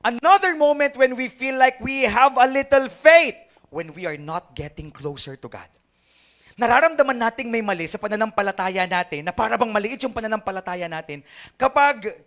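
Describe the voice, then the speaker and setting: A man's voice: sits high, a bit bright. A young adult Filipino man preaching a sermon with humor, mixing Tagalog and English and acting out churchgoers. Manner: switches between Tagalog and English. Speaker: pastor.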